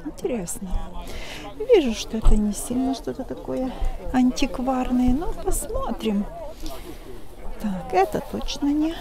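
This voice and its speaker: A woman vlogging as she browses an outdoor flea market, musing slowly and often half-whispering to the camera. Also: high-pitched, sing-song. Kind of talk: casual narration while shopping. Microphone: handheld phone camera. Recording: outdoor market crowd noise. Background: crowd chatter.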